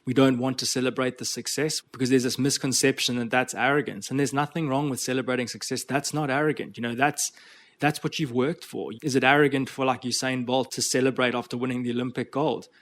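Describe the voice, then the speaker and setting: A man's voice: medium pitch, steady tone, brisk, fairly bright tone. A man who works as a coach, guest on a podcast interview, talking in an earnest, motivational way and often repeating words as he thinks. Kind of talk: conversational interview.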